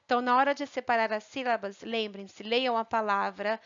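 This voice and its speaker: Woman teacher, higher voice, recorded lesson on lo-fi audio, keeps asking "tá?". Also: fairly even intonation, a bit bright. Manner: patient, checks in with "tá?" and "tá bom?"; sounds out syllables slowly and clearly. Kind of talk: recorded online grammar lesson. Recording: muffled lo-fi audio.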